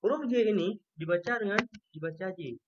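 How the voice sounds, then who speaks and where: Patient teacher spelling out sounds slowly. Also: mid-range voice, dull audio, very noisy. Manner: patient, repeats each letter sound slowly to demonstrate pronunciation. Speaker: Turkish language teacher. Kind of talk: online language lesson with screen sharing.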